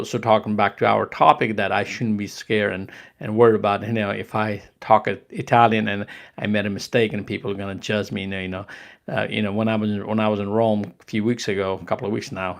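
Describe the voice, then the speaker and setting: Halting, gravelly Nepali-accented older man. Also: lowish voice. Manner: halting, many restarts and fillers. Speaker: live stream host. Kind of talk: casual live stream talk.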